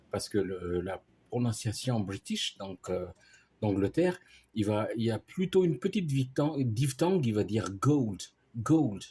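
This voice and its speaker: Man, language teacher, slow delivery, mellow husky voice, patient explanations, spells words out. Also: medium pitch. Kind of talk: language lesson.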